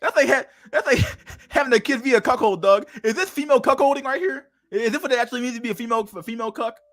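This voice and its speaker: Man, 30s, high voice, dry sound with faint music behind; crude, mocking stream commentator. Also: quick pace, a bit bright, dry recording. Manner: mocking, crude, laughs often, reads an article aloud then rants. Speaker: streamer reacting to an article. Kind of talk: casual livestream commentary.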